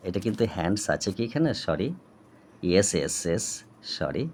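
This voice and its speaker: A man's voice: low voice, animated, a little fast, a little mellow, a little hiss or hum. A man tutor with a Bengali accent dictates an English reading word by word, names each punctuation mark aloud, and explains terms in Bengali. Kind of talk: slow dictation lesson.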